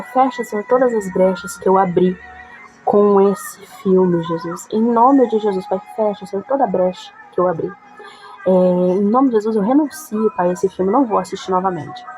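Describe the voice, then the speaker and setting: A woman gives a personal testimony of faith with a middle pitch, talking plainly and checking in with her listeners as she goes. Faint music plays quietly behind her voice. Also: poor audio. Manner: conversational, frequent tag questions. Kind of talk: emotional testimony.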